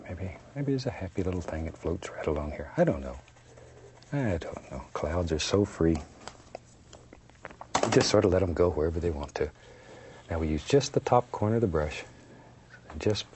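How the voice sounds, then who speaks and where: A man giving an unscripted painting demonstration as a gentle, soothing instructor, folksy, playful and unhurried in his encouragement. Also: low voice, slight background noise. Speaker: painting instructor, show host.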